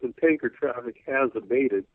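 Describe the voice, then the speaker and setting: A man calling in as a radio guest, rambling folksily with lots of "you know," clearing his throat as his voice wears out. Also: medium pitch, normal speed, no room sound. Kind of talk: casual call-in radio interview. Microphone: telephone. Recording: tinny phone line.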